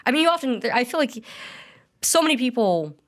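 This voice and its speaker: A young adult woman, a podcast interview guest, shares her personal story in a slightly high, very animated voice at a somewhat quick pace. She's earnest and frequently restarts her sentences.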